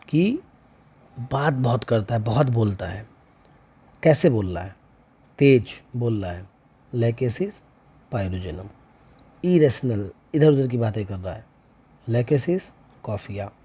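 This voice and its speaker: A man's voice: mid-range voice, warm tone, breathy edge. A man teaching homeopathy, going through a chart and listing remedy names one after another with frequent check-ins. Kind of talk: lecture walking through a chart.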